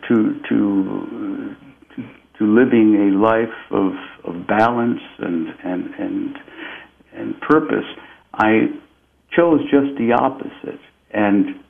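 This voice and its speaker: Slow, gravelly man on a tinny line. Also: on the low side. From Peru. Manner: slow, deliberate and reflective, with frequent repeated "and"s. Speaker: interview guest. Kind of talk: spiritual storytelling in a conversation.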